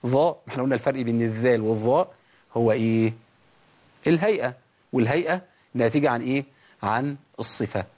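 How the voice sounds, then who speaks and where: A man with an Egyptian Arabic accent teaching Quran recitation, talking to his listeners directly and drawing out sounds slowly to demonstrate them. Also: mid-range voice. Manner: lively, addresses listeners directly. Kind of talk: tajweed lesson.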